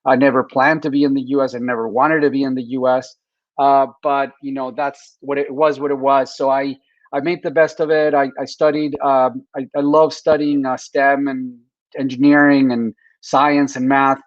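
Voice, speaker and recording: A middle-aged man from Mexico with a Mexican accent, whose first language is Spanish, telling his story as a guest speaker in a humble, halting way. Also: medium pitch, little pitch movement, dry recording, highs cut off. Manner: humble, restarts often. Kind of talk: casual conversational storytelling.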